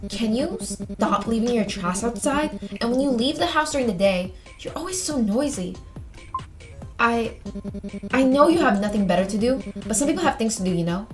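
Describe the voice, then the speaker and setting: A woman's voice: on the high side, expressive, moderate pace, soft background music, natural voice. A woman reading a curt, scolding young man. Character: short rude young man neighbor, nagging and irritable.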